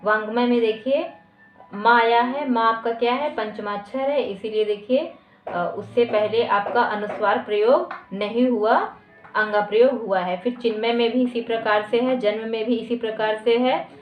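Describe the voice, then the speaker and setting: A woman teacher giving a grammar lesson at a board. She asks her students questions and answers them herself, and she repeats each definition slowly. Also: a little high, fairly even intonation, faint music behind. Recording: echoey dull lo-fi room recording.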